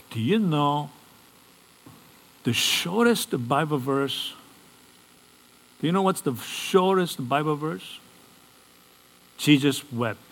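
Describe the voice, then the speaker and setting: A man's voice: on the high side, poor audio. A man preaching a sermon. He keeps asking the congregation questions and acts out Bible characters in casual modern speech.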